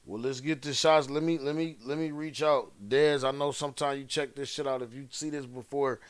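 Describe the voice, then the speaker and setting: Laid-back man, smooth voice. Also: mid-range voice, steady tone, brisk, no room sound. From Detroit. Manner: laid-back, slangy, emphatic. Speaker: podcast co-host. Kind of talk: casual chat.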